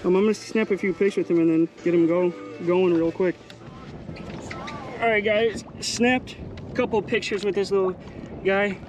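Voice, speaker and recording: Excited young man narrating fishing outdoors. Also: high voice, normal speed, long pauses. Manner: excited, chatty, calls viewers "guys" and "bro". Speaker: fishing vlogger host. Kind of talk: casual running commentary. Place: outdoors on a small boat on a bay. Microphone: body-worn action camera. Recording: music playing underneath.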